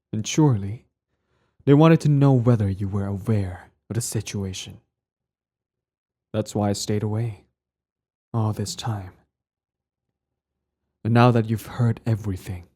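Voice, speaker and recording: A man plays a cold former hero turned villain, his voice low, dark and husky. Bitter but earnest and devoted to his partner, he speaks in a measured, intense way, using dramatic pauses that suit an intimate ASMR roleplay.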